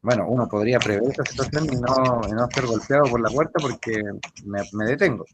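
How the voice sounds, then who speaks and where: A Chilean man teaches a language class in a mid-pitched voice, explaining patiently and quizzing his student. Faint noise sits under his voice. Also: brisk. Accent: Chilean Spanish. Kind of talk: recorded language lesson. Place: online class session.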